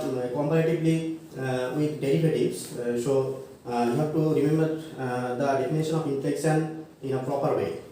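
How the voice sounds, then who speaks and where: A man giving a college English grammar lecture, halting with many fillers and self-corrections, spelling words out letter by letter. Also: fairly high pitch, dark tone. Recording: echoey room, mic far off, faint noise.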